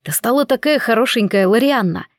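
A woman's voice: fairly high pitch, lively intonation, fairly quick, no room sound, studio quality. A woman reading the lines of a playful, mocking young nobleman in a story. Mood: teasing. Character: teasing charming young nobleman.

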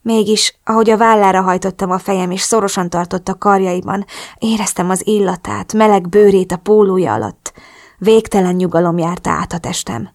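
A woman narrating a first-person novel as an audiobook, expressive and emotional. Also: mid-range voice.

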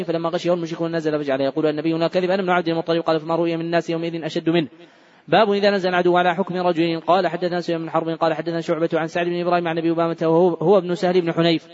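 A high-pitched man recites hadith quickly in a large mosque, backing up to redo words he stumbles on, with the top end of the audio cut off.

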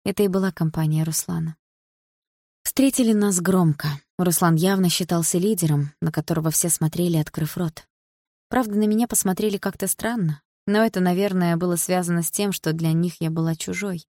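A woman narrating an audiobook with a lowish voice and a measured, even storytelling manner. The recording is dry and close, with no room sound. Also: dry recording.

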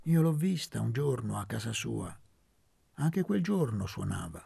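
A man voicing a quiet, dreamy young man who speaks slowly. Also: medium pitch, very animated, vocal fry, slightly rough, dry recording, heavily acted. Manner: slow, subdued.

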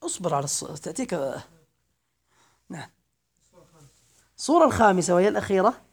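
A man teaching a grammar class, talking at a fast clip. He recites lines of verse in a measured way, then unpacks them and calls on students to answer. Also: high voice, big pitch swings, gravelly, slightly rough.

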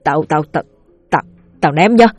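A cowardly, bragging older village man who stammers and begs his way through every line, as a woman storyteller puts him on. The voice is low and husky. The recording is dry and close. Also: lively intonation, a little slow, a little mellow, no room sound, soft background music. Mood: nervous. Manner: stammering, pleading, boastful.

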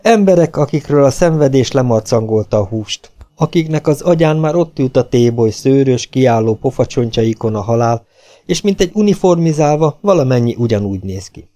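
A man reading an adventure novel aloud as an audiobook, with a measured, dramatic delivery. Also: mid-range voice, animated, dark tone. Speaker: audiobook reader. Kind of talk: audiobook narration.

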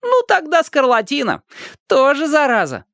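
A reader voicing a cheeky young boy who teases his friends in a squeaky, mocking voice in a storybook reading. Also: huge pitch swings, normal speed, fairly bright tone, dry recording, clean studio sound, heavily acted. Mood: teasing. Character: cheeky mischievous young boy, teasing prankster.

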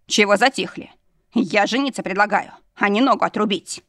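A woman voicing an arrogant male demon lord who talks gruffly, commanding and smirking. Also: medium pitch, moderate pace, a bit bright, no echo, studio quality, close to an everyday voice. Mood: irritated.

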